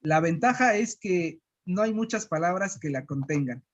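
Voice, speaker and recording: Un profesor de Guatemala que enseña pronunciación con calma, repitiendo sílabas despacio. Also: mid-range voice, dull audio. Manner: patient, repeats syllables slowly. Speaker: language teacher. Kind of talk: slow pronunciation lesson.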